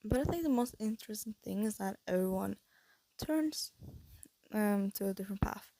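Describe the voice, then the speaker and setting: Here a teenage girl chats in a casual vlog, her phone close to her mouth, her voice breathy with a stuffy nose and a slight retainer lisp. She's animated yet hesitant, thinking out loud with lots of fillers and restarts, at medium pitch, normal speed and a mellow tone, with no echo.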